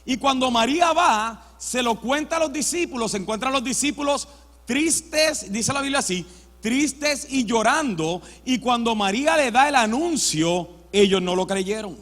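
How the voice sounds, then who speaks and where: High-voiced preacher in a hall. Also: male voice, measured pace. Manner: dramatic, animated storytelling preaching. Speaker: pastor. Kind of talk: sermon. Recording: long church-hall reverb.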